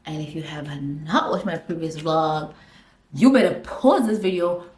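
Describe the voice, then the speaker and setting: A woman's voice: deep voice, lively intonation, measured pace, darkish tone. A young woman with a South African accent, chatting casually through a storytime vlog, giggly and dropping in Zulu phrases while getting ready at home. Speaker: vlogger, makeup artist. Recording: echoey room.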